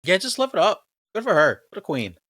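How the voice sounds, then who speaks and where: A man's voice: high-pitched, sing-song, fairly quick, fairly bright tone, dry recording, clean studio sound. A man co-hosting a comedy podcast, chatting casually in an upbeat way. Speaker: podcast co-host. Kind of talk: casual chat.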